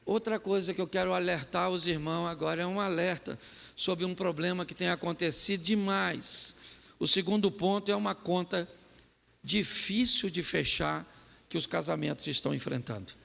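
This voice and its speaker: A man preaching a humorous sermon as a pastor, animated and often quizzing the listeners. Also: high voice, normal speed, gravelly, in a large hall. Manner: animated, joking, asks the crowd "sim ou não?".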